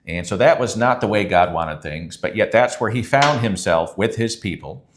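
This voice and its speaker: Earnest low-voiced male pastor. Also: animated, normal speed, background noise. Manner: conversational, earnest, reads scripture aloud. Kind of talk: recorded sermon teaching.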